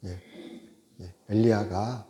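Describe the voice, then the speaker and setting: A male pastor giving a conversational sermon, often tossing in a quick "yes" and sometimes acting out a scolding voice with rising force. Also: fairly low pitch. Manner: conversational preaching with frequent interjected "yes"; animated, acts out God scolding in raised voice. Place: church sanctuary. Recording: echoey church hall.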